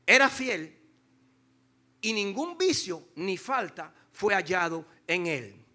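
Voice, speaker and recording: A male pastor preaching a sermon to his congregation, swinging between loud declarations and hushed, slow phrases, and calling for responses. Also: high voice, big pitch swings. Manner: addresses congregation directly, calls for responses.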